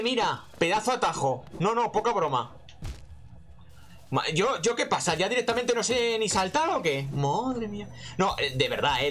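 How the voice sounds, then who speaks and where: A man's voice: on the high side, fairly bright tone. A man with an accent from Spain giving casual gameplay commentary in a rambling, slangy way with lots of swearing. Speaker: gaming host.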